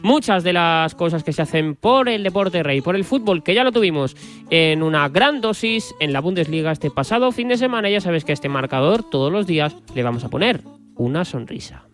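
High-voiced man hosting a radio sports show. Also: a little fast, faint music behind. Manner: relaxed conversational, some fillers.

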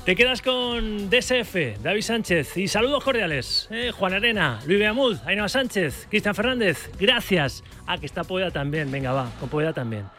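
A man's voice: sits high, expressive, moderate pace, sharp tone, faint music behind. A man from hosting a sports radio show, joking with colleagues and reading live ads. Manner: jokey, reads live ad reads.

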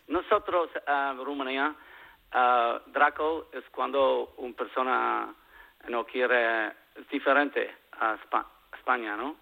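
Man putting on a halting foreign footballer, phone line. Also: mid-range voice, fairly even intonation, creaky. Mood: earnest, naive. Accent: foreign, put-on Romanian. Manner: halting, stammering, broken Spanish. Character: shy young Romanian footballer in love, halting Spanish. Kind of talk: prank phone interview. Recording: muffled lo-fi radio phone line.

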